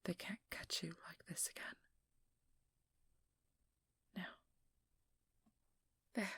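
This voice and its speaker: In an intimate ASMR role-play, a woman plays a determined vampire hunter who is guarded and protective, speaking in a hush and often whispering. Her delivery is halting yet earnest, with a firm, protective mood, captured on a close microphone in a dry room.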